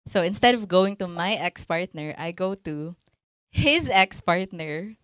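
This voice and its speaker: A slow, unhurried Filipina woman in her twenties with a Filipino accent hosts a casual podcast chat. Her voice sits a little low and sounds smooth and clear. The recording is close and dry, and she laughs easily and switches languages mid-sentence. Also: expressive, fairly bright tone, no echo. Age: 20s. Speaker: podcast host.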